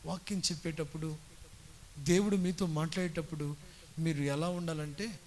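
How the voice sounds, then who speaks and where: A man pastor preaching a sermon, telling stories and building up to loud, forceful exhortation. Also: a little high, steady tone, normal speed. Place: church worship service.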